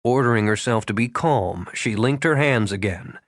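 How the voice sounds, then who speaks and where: A man reading a romance novel aloud in a measured, even manner. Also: medium pitch, no room sound. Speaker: audiobook narrator. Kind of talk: scripted romance narration. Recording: dry close studio sound.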